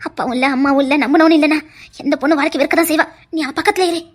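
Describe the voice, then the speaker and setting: A woman voicing a commanding middle-aged aunt, head of the family, speaking low and deliberately with a Tirunelveli Tamil accent. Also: fairly even intonation, lightly acted. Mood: firm.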